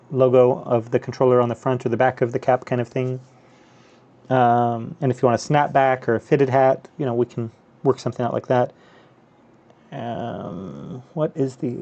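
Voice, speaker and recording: This man from North America (US and Canada) hosts a handheld gaming live stream, chatting casually over gameplay. His medium-pitched voice is warm, the sound is lo-fi, and his talk rambles with many fillers and restarts.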